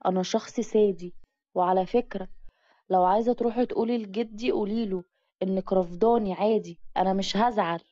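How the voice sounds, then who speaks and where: A woman's voice: mid-range voice, fairly even intonation, fast talker, warm tone, dry recording, lightly acted. A woman with an Egyptian accent voicing a cold, threatening young man who speaks bluntly. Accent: Egyptian Arabic. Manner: menacing, blunt. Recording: dull dry lo-fi recording.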